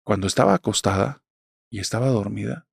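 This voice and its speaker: A man's voice: on the low side, a little fast, creaky, slightly rough, dry recording, studio quality. Man narrating a horror tale. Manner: steady, intimate first-person retelling.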